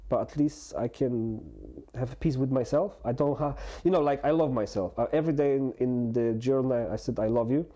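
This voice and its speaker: A man in his forties talking candidly in a conversation, halting and earnest, with many restarts and fillers. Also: medium pitch, mellow. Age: 40s. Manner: earnest and open. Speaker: guest.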